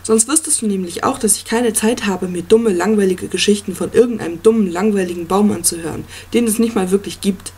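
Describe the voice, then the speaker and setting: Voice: medium pitch, brisk, hardly any pauses, slightly rough, voice pushed up. A reader doing an angry, tormented boy. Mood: angry, mocking. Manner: loud, raised, agitated. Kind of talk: audiobook reading.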